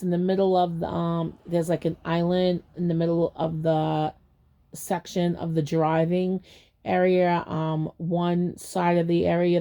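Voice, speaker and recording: A woman who runs a faceless storytime channel rambles chattily through a personal story, acting out her own reactions in a casual monologue. Her voice is lowish, creaky and warm.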